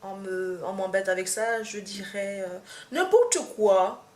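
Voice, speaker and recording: A young vlogger from Martinique chats to camera in a casual tag video, speaking with a Martinican accent, hesitant, full of fillers and restarts. Her voice is medium-pitched with little movement at normal speed, in an echoey room with a faint hum behind her.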